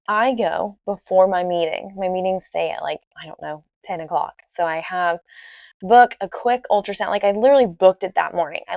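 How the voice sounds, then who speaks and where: Excitable young woman, dry close mic. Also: medium pitch, creaky, dry recording, lo-fi sound. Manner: animated, excitable, acts out dialogue in quotes; many restarts and fillers. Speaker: podcast guest. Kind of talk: casual storytelling.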